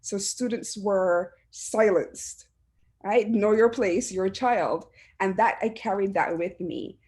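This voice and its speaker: Her voice medium in pitch, slow, and darkish in tone, a Barbadian woman speaks sincerely as a panelist on a video call. She is an education administrator giving a reflective personal talk, and she tends to begin her phrases again.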